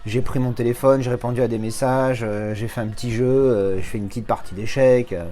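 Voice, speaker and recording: A man's voice: medium pitch, steady tone, fairly quick, warm tone. Rambling French man reviewing films. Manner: rambling, full of fillers and restarts, chatty asides to viewer. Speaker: Blu-ray film reviewer. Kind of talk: casual spoken review.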